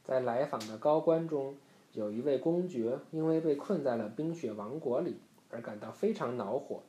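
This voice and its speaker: A man reading a bedtime story aloud to a child in a gentle, steady narrating voice. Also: medium pitch, moderate pace. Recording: roomy echo.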